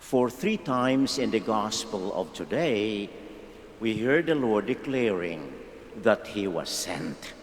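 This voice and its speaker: A priest, a man, proclaims scripture at an unhurried, deliberate pace, his pitch rising and falling widely. Every word carries a long church echo that hangs in the room. A faint hiss of ambience sits underneath. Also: lively intonation. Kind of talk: liturgical reading and homily.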